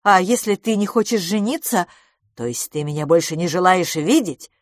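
A woman reads a jealous young suitor with a quick temper. He speaks in brusque, challenging bursts. The recording is dry and close, with a slightly low voice. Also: animated, dry recording, natural voice. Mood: indignant.

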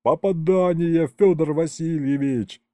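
A man plays a loyal male general who goes from anxious whispers to barked orders. The voice is warm and mellow with a lively, swinging pitch. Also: normal speed, dry recording. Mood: urgent. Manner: urgent, bursts into shouts.

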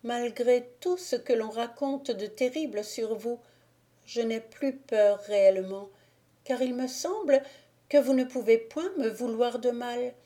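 A woman voicing a gentle, innocent young peasant woman who speaks softly, in an audiobook. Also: fairly high pitch, a little slow, pitched above the performer's own voice, natural voice. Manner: soft and gentle. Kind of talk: audiobook character reading.

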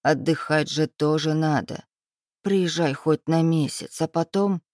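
Fussy old granny, slow and sighing, lower than the reader's own voice, as a woman reads her; dry audiobook sound. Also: darkish tone, dry recording. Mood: fussing. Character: fussing elderly village grandmother, doting.

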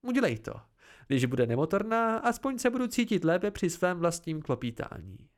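A man doing a gentle young woman warrior. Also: sits high, very animated, voice pushed up. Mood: eager. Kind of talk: amateur audiobook reading.

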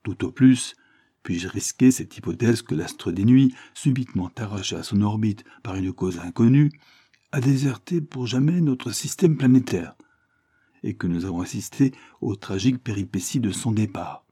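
A man's voice: lowish voice, animated, normal speed, dark tone, breathy edge, no room sound, studio quality. A man reading a story aloud, voicing a retired harbor captain in a raised, urgent, declamatory tone. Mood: grandiloquent.

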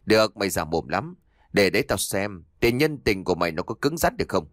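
A man voicing a cruel, vengeful young man in a ghost story, snarling insults in fast, harsh bursts. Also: lowish voice, big pitch swings, no room sound, studio quality. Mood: furious.

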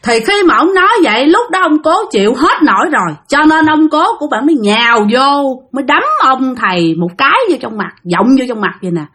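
A woman with a Southern Vietnamese accent telling a ghost story in an animated way, speaking straight to her listeners. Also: sits high, fairly quick, few pauses, slightly rough. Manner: animated, addresses listeners directly. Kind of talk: spoken ghost story narration.

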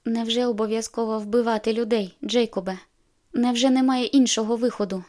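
A woman's voice: steady tone, brisk, dark tone, lightly acted. A woman voicing an anxious, stubborn young woman in an audiobook, hissing and pleading. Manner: hissing, whispering, then shrill.

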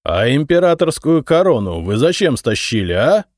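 A man's voice: medium pitch, very animated, normal speed, a little mellow, no echo, studio quality, voice pushed up, natural voice. A man doing a stern, roaring spymaster. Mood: angry, stern. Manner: roaring, threatening, commanding. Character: stern, short-tempered male head of secret service. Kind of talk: audiobook character reading.

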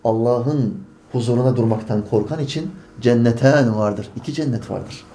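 A man's voice: medium pitch, brisk, warm tone. A man preaching a sermon, emphatic and full of rhetorical questions to his congregation.

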